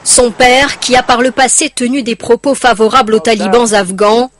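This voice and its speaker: A woman narrating a television news report in a clear, steady voice. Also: fairly high pitch, normal speed, crowd noise.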